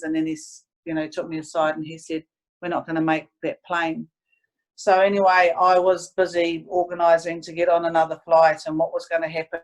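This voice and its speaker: A sports team staff member, interviewed casually, tells stories in a low, darkish voice, reflecting earnestly but hesitantly. The recording quality is rough.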